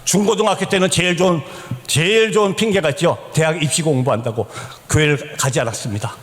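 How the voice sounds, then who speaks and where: A middle-aged man, a missionary, telling his conversion story as a church testimony in an animated, storytelling way that rises to shouts. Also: a little high, fast. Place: church sanctuary. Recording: church hall reverb.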